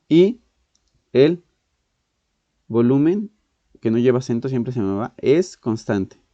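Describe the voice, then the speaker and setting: A man with a Mexican Spanish accent works through problems in a physics exam-prep lesson, thinking aloud with halting restarts, frequently saying "ok?" and clearing his throat. His medium-pitched voice is warm and very animated. The recording is muffled and dull, made in a dry room with no room sound.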